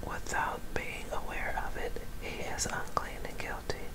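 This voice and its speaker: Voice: measured pace, low-quality recording. Unvoiced whispered ASMR scripture reading. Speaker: reader.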